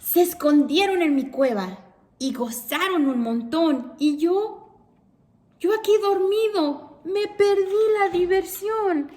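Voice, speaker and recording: A woman's voice: high voice, expressive, a little slow, darkish tone. A woman voicing a big storybook bear who is sad and sulky at missing the party, speaking in a whiny, plaintive way.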